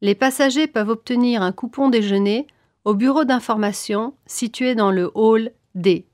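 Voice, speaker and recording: Higher-pitched woman making airport announcements. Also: moderate pace, darkish tone, no room sound, studio quality. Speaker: announcer in a listening exam. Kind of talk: scripted airport public announcement.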